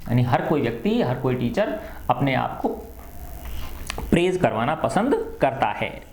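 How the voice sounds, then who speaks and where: A male teacher explaining an English play in Hindi, reading English lines slowly and then explaining them with rhetorical questions. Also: medium pitch, big pitch swings, darkish tone, slight background noise. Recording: echoey room.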